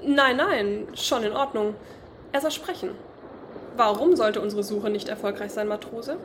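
A woman plays a refined adventuring lady in an audio drama. The voice is on the high side, formal and composed, with courteous phrasing and slight noise in the recording. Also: a little slow, close to an everyday voice. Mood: earnest, courteous. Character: composed, well-spoken noble lady treasure seeker.

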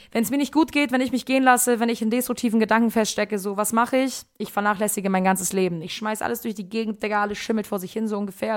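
A young woman in her twenties hosting a casual solo podcast from her kitchen, rambling in slangy speech and dropping "Digga" all the time. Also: mid-range voice. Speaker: podcast host. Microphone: podcast microphone.

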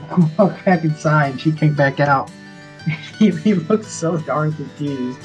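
Soft music plays in the background as a fairly high-pitched man from Georgia, USA, speaks at a measured pace. He has a Southern accent and chats casually, telling stories as a podcast guest, on dull lo-fi call audio.

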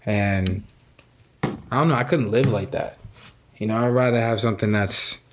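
A man's voice: on the low side, normal speed, slight background noise. A man co-hosting a podcast in laid-back casual chat, swearing and laughing often. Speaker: podcast co-host.

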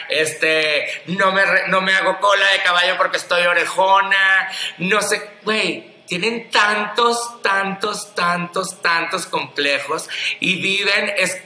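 A Mexican man with a high, sharply bright voice talks in an echoey room. He is blunt and profane, and he keeps breaking into mocking impressions of other people. His delivery is animated and fast-moving. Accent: Mexican Spanish. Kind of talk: casual podcast chat.

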